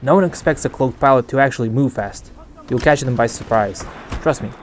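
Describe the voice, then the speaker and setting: A man's voice: mid-range voice, brisk, faint music behind. A man hosting a gaming video, narrating a scripted guide with informal asides.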